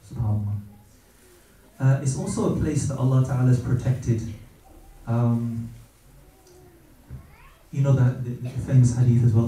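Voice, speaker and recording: Man, middle-aged, very dark mellow voice, reverent, hesitant, reflective religious talk, very echoey room, distant mic. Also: medium pitch. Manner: gentle, reverent, hesitant with many pauses and fillers. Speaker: speaker sharing personal experience.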